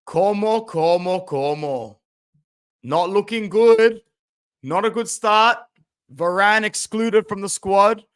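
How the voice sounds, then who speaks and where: Excitable young man on stream. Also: sits high, slow pace, clean tone. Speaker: football fan channel host. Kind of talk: casual live-stream commentary.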